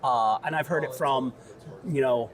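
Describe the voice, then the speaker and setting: A man's voice: medium pitch, unhurried. A man conducting a casual interview at a convention, chatty and friendly, with lots of fillers. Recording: noisy convention crowd behind.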